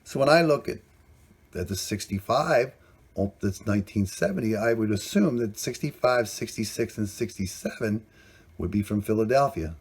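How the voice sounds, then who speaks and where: A man's voice: fairly low pitch, lively intonation, moderate pace, breathy edge. A man hosting a coin roll hunting vlog, talking casually and plainly, cheerful about each find, recorded indoors on a camera mic. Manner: chatty, plainspoken, upbeat about finds.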